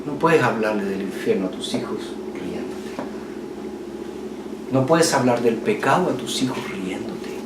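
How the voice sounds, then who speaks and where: A man with a Chilean Spanish accent preaching a sermon as pastor, swinging from loud passionate peaks to hushed, quiet lines. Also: medium pitch, lively intonation, a little slow. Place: church hall. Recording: echoey church hall, distant mic, noisy.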